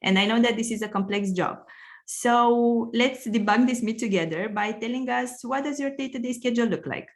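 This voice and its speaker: A woman's voice: a little high, normal speed. A woman hosting a podcast, speaking as an interviewer in conversation with a guest. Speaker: podcast host. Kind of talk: interview questions.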